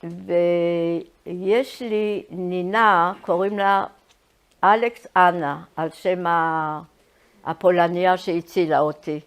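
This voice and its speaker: Elderly woman recounting her life haltingly. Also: fairly low pitch, fairly even intonation, clear, resonant tone. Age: 80s. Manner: halting, searching for words. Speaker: Holocaust survivor giving testimony. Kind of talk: personal reminiscence, storytelling.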